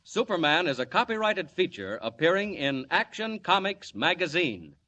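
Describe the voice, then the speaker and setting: A man's voice: high-pitched, big pitch swings, moderate pace, bright, forceful tone, a little hiss or hum. A man announcing a 1940s radio serial with a dramatic, emphatic delivery. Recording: dull lo-fi old radio recording.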